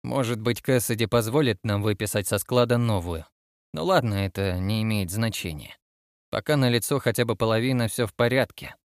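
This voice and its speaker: A man's voice: on the low side, fairly quick, no room sound, clean studio sound, lightly acted. A man doing a fussy starship captain. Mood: methodical. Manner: patient then exasperated, bureaucratic.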